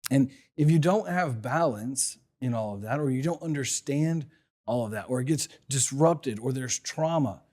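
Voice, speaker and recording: A man's voice: mid-range voice, expressive, moderate pace, a little mellow. Male podcast host, middle-aged, solo motivational talk, reflective, rhetorical questions, mid-range voice. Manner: reflective, asks rhetorical questions, talks from personal experience.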